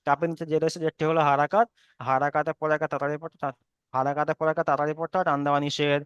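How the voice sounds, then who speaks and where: A man's voice: fairly high pitch, flat delivery, racing, fairly bright tone, smooth, no echo, highs cut off. A man teaching an online Arabic reading lesson with a Bengali accent, patiently spelling out letters and correcting students.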